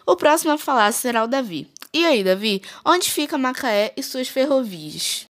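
A woman's voice: high-pitched, lively intonation, normal speed. A woman presents a school geography podcast, reading her script in short phrases. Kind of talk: read-aloud school presentation.

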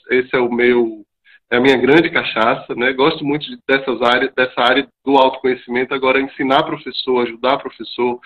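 Middle-aged educator, guest on a live video call; calm, reflective, philosophical delivery, mid-pitched voice, slightly muffled lo-fi sound. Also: male voice. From Salvador, Bahia, Brazil. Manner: measured, thoughtful, philosophical. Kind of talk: reflective interview answers.

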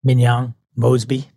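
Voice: medium pitch, creaky, darkish tone, dry recording, clean studio sound. A game master casually running a tabletop horror game, with many fillers and restarts.

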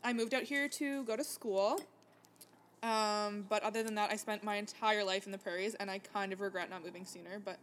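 A woman of twenty-one from Manitoba, co-hosting a podcast in casual chat with relaxed, self-deprecating humor. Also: medium pitch, a little fast, a little hiss or hum. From Manitoba, Canada. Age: 20s. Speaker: podcast co-host.

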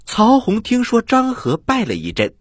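A man hosting and telling stories for children in an expressive, dramatic style, addressing his young listeners directly. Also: very high-pitched, moderate pace, breathy edge, dry recording, studio quality. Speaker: children's storyteller and show host.

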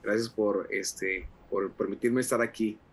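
A young adult man from Mexico, an associate pastor, speaks as a guest in a radio interview. His lowish voice is steady, measured and a bit breathy, yet he's fervent and full of fillers and restarts.

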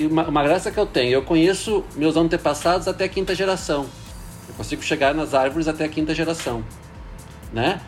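Reflective priest, slightly high voice. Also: male voice. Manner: thoughtful, hesitant with many fillers. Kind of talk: casual reflective talk.

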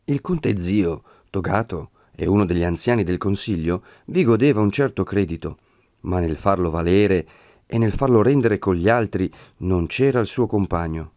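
A man narrating a classic novel in a measured, steady reading voice. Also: low voice, no room sound, clean studio sound. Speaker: audiobook narrator. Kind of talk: scripted narration.

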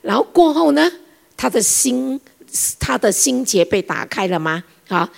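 A middle-aged woman giving a sermon, telling a family story in an animated way and acting out the dialogue. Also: a little high, a little slow, gravelly. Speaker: preacher.

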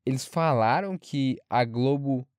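Um jovem brasileiro falando sozinho de forma casual, franca e cheia de palavrões, divagando sobre a faculdade. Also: male voice, mid-range voice, a little slow, a little mellow, clear, resonant tone, no echo, clean studio sound. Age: young adult. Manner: frank, rambling, swears freely. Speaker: podcast host. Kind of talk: casual solo monologue.

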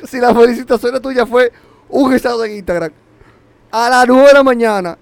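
A man's voice: very high-pitched, fairly even intonation, normal speed, vocal fry, clean tone, no echo. A man co-hosting a casual podcast chat, ranting in mock resentment and laughing through his complaints. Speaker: podcast co-host.

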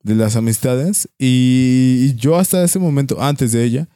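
Mexican guy in his twenties-ish, mellow voice, rambly jokey slang, dry close sound. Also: medium pitch, measured pace, clean tone, no echo. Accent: Mexican Spanish. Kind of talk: casual chat.

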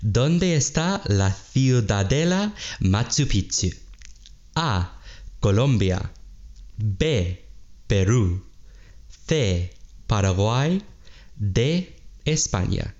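Brief male co-host and quiz contestant, unhurried and careful, low voice. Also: sing-song, darkish tone, lo-fi sound. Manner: answers tentatively, thinks aloud before guessing. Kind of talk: slow, careful quiz chat.

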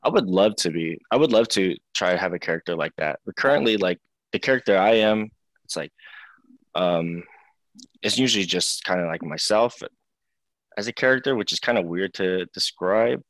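A man's voice: sits low, normal speed, no echo. A young man from Seattle, a pro wrestler, talking casually in an interview with lots of fillers and restarts. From Seattle, United States. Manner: relaxed, chatty, many fillers and restarts. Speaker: professional wrestler, guest.

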